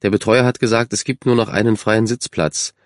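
A man's voice: fairly low pitch, fairly even intonation, a little fast, no echo, clean studio sound, natural voice. A man voicing a self-assured, friendly young girl who stands up for others. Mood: confident. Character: confident, kind young girl, team captain.

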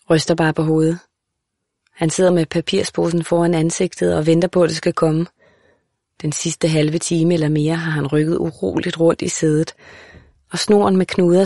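Low-voiced woman reading an audiobook. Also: no room sound, clean studio sound. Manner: calm, measured, even reading. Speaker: audiobook narrator. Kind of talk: scripted literary narration.

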